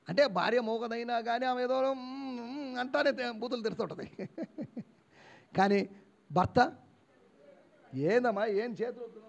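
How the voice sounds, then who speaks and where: A pastor, preaching an animated sermon in church. He rises to loud emphatic shouts and acts out the replies of imagined listeners. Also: sits high, creaky, highs cut off. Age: 50s.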